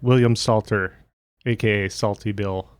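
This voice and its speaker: A man co-hosting a podcast and introducing a guest in casual chat, jokey, animated and quick to laugh. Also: fairly low pitch, clean tone. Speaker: podcast co-host.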